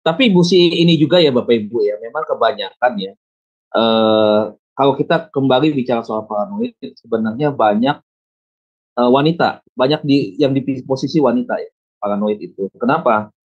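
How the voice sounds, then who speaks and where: A male pastor talks calmly and explains at a steady, measured pace. His pitch is average. The recording sounds muffled and lo-fi. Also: husky. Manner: calm, explanatory. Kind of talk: counseling talk.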